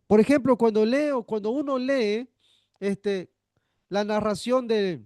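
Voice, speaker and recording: A man's voice: sits high, slow pace, a little mellow, dry recording, clean studio sound. A man teaching a theology class, repeating his points and asking rhetorical questions to check the students follow. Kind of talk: classroom lecture.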